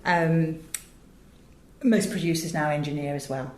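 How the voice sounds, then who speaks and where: Speaking a little slowly in a low, slightly mellow voice, a middle-aged British-accented woman from England answers an interviewer's questions. She works as an audiobook director and producer and talks casually, stressing her stories and adding frequent asides, in an echoey space with faint noise behind her.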